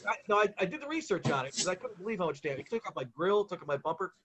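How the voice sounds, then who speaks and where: A man's voice: high voice, animated, racing, a bit bright, husky. A man doing a stand-up monologue of punchy jokes, told as conversational stories with acted-out exchanges in an exasperated, self-mocking way. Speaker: touring road comic.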